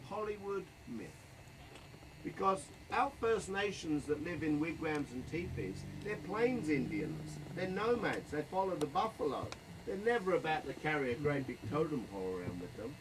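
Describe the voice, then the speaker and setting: A man giving a joking, playful running commentary as a tour guide on a moving bus. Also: on the high side. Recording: distant voice with road noise.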